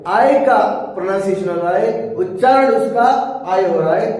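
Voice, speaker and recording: Slow-talking teacher in an echoey room. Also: male voice, sits high, darkish tone. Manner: repeats words slowly, says "ठीक है" often. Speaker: English teacher. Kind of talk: classroom-style lesson. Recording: echoey room, mic far away.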